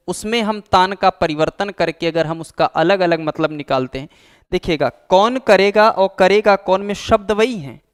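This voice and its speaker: Man, Hindi teacher, high smooth voice, explanatory lecture, repeats key terms. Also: a bit bright. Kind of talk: exam-prep lecture.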